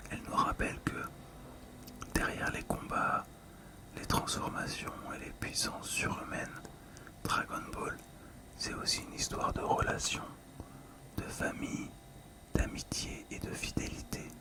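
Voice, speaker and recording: Gentle descriptions come from a male ASMR creator, delivered in a breathy whisper that is leisurely and a bit hesitant.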